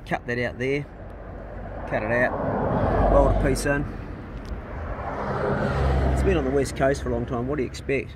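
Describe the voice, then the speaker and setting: Speaking at a measured pace with long pauses, this vlog host has a mid-range voice that barely moves in pitch. He's a middle-aged Kiwi with a broad accent, relaxed and full of slang, ending phrases with "eh" and "bro" while filming on rural land amid noisy outdoor sound.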